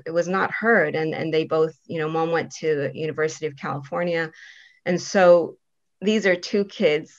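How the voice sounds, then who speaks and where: A middle-aged woman from the Middle East, a business executive, talking earnestly and reflectively as a guest on a video call interview, with many fillers. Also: low voice. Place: small room at home. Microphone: video call webcam. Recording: slightly dull video call audio.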